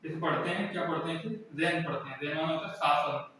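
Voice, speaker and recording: Fast and forceful, a male English teacher with a slightly high, bright voice and fairly even intonation runs his lesson by answering his own questions. There's slight background noise, with echo from the room and a far-off microphone.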